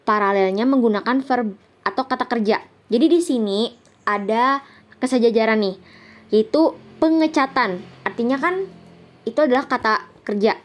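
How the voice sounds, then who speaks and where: A woman's voice: fairly high pitch, moderate pace, long pauses. Young woman, from Indonesia, student presenter, casual grammar explanation, reads examples aloud, fills with "nah" and "jadi".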